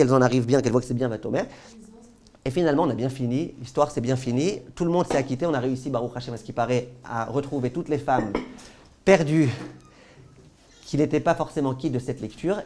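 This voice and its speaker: Un homme, rabbin, qui donne un cours de loi juive vivant, avec des anecdotes, et qui passe souvent de l'emphase forte aux apartés à voix basse. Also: male voice, slight background noise. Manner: animated storyteller, jumps between loud stress and quiet asides; asks the class questions. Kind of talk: lively halakha class told with anecdotes.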